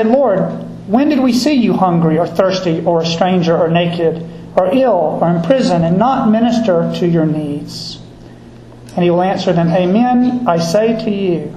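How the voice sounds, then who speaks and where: A middle-aged male priest from Georgia, reading scripture and preaching at a service in a measured, deliberate way, with a cathedral-like echo around his voice. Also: high-pitched, warm tone. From Georgia, USA. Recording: echoey church with faint background noise.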